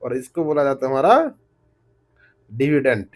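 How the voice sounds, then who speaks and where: A man teaching math, going step by step, slow and repetitive, always asking the class rhetorical questions. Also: mid-range voice, very animated. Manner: switches between Hindi and English terms. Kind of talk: explaining math problems step by step.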